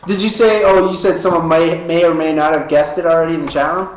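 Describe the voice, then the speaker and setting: A man's voice: fairly high pitch, fairly even intonation, fast. A man co-hosting a live call-in radio show in a casual, joking way, laughing often. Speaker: co-host. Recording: echoey room, faint noise.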